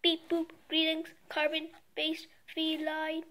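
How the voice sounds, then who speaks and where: A woman voicing a toy robot in a storybook reading, slow, halting and mechanical. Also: high-pitched, monotone, a bit bright. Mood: stiff.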